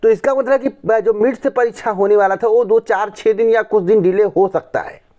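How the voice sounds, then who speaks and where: A man's voice: sits high, normal speed, warm tone. A man hosting an exam news channel, talking straight to his viewers in an emphatic way and pressing his points with rhetorical questions. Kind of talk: direct-to-camera news commentary.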